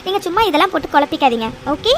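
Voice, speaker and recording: A woman's voice: high voice, expressive, racing, fairly bright tone, a little hiss or hum. A woman voicing a loving, trusting young wife in a cartoon, speaking in a soothing, reassuring way. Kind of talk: cartoon voice acting.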